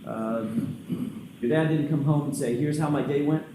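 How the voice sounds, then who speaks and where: A man's voice: a little high, unhurried, dark tone. A man cross-examining a witness as a defense lawyer, pointed and insistent in his questioning. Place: large indoor courtroom. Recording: echoey courtroom feed, faint noise.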